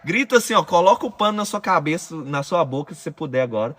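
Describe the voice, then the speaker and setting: Commanding Brazilian man with a high, bright voice. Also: animated, fast. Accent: Brazilian Portuguese. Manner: commanding, urgent directions in the second person. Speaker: course instructor. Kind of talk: guided visualization exercise.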